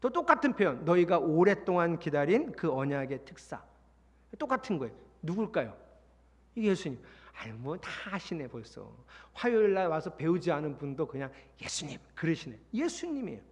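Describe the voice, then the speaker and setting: Middle-aged guy preaching, pretty high voice, animated, acts out people he quotes, echoey church hall. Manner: lively, acts out quoted voices, sings hymn lines. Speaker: pastor. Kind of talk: sermon. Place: large church sanctuary. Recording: long hall reverb.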